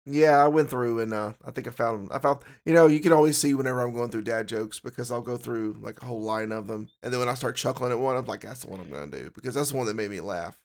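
A man's voice: mid-range voice, fairly even intonation, fast, few pauses, a little mellow. A laid-back man from Alabama, co-hosting a podcast and laughing at his own jokes. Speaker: podcast co-host. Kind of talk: casual podcast chat.

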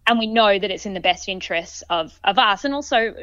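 A woman's voice: medium pitch, a little fast, fairly bright tone, smooth, dry recording, muffled recording. A woman co-hosting a podcast in casual chat, telling stories earnestly and with energy. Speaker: podcast co-host.

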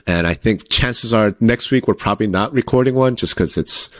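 A man's voice: fairly low pitch, moderate pace, fairly bright tone. A middle-aged man hosting a podcast in casual chat, with an informal, slangy, playful manner. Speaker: podcast host.

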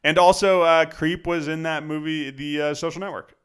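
A man's voice: fairly high pitch, fairly even intonation, moderate pace, fairly bright tone, clean tone. A man co-hosting a podcast in casual chat, with many fillers and restarts. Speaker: podcast co-host.

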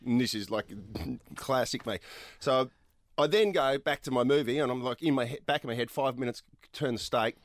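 An Australian man telling a rambling, self-deprecating story in an animated, casual chat on air. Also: medium pitch, moderate pace, no room sound.

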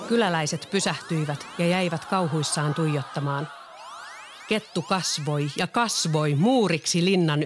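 A storyteller calmly narrating a children's story. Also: medium pitch.

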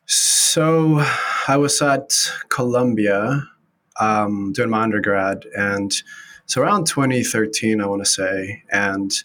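A low-voiced man from Venezuela, speaking English as a second language in a relaxed interview. He is in his thirties and keeps pausing on fillers and restarting his sentences. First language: Spanish. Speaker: guest, startup founder. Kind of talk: casual interview talk.

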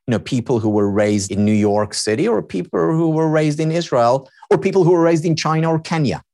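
In an explanatory podcast interview, a happiness researcher and teacher whose first language is Hebrew lectures through his ideas, repeating to build each point. He has a mid-range, slightly mellow voice.

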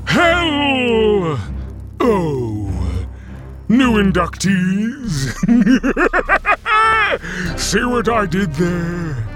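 A man's voice: sits high, wildly swooping pitch, very slow, long pauses, music in the background, heavily acted. A man playing a chatty, theatrical Satan who hosts hell with gleeful mock courtesy in a comedic audio drama. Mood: campy glee. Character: campy, chatty Satan as bureaucratic host of hell.

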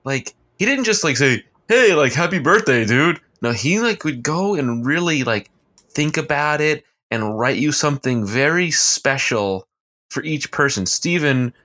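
Bright-voiced man chatting haltingly. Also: mid-range voice, lively intonation. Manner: halting, stumbling restarts. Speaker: podcast co-host. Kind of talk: casual chat.

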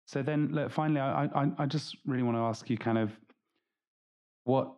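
A man's voice: medium pitch, a little fast, darkish tone. Agreeable male podcast host. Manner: agreeable, lots of yeahs and ums. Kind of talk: casual interview. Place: indoor room.

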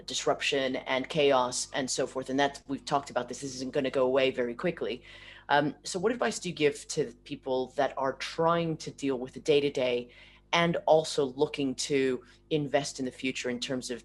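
A woman's voice: extremely low pitch, slight background noise. A woman interviewing a guest over a video call whose sound keeps breaking up. She thinks aloud, restarts her sentences and ends many of them with tag questions. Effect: video call audio that breaks up. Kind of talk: remote interview. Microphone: computer or laptop mic on a video call.

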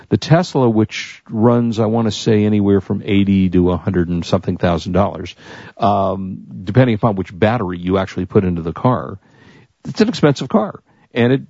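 An American talk show host rambles conversationally about tech and consumer news in a casual chat. His voice is fairly low, gravelly, and mellow with no echo, though the audio is dull and lo-fi.

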